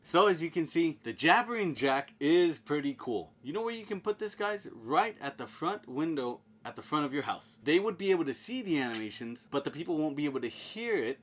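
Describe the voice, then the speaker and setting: A man's voice: a little high, very animated, fairly quick, few pauses, a bit bright. A man reviewing a product in casual, informal chat, explaining and repeating his points as he goes.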